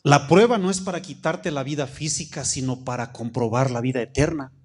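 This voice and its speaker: A pastor preaches at a mid-range pitch. He stretches out key scripture phrases and keeps asking the congregation to answer back. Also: brisk, a little mellow, slightly rough. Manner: preaching with call-and-response questions to the congregation. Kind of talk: sermon.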